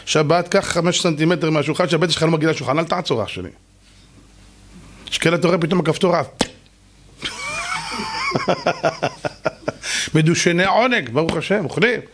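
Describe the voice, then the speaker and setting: A man with an Israeli accent delivering a lively sermon as a rabbi, firing off rhetorical questions and teasing his listeners, with sudden shouts. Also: a little high, a little hiss or hum. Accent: Israeli Hebrew. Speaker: rabbi giving a lecture.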